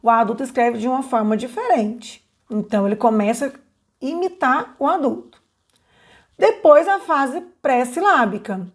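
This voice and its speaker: A woman teacher giving an online literacy lesson, patient and explanatory, often checking in with her listeners and slowing down to stretch out sounds. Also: on the high side. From Brazil. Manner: slows down and stretches sounds when modeling syllables.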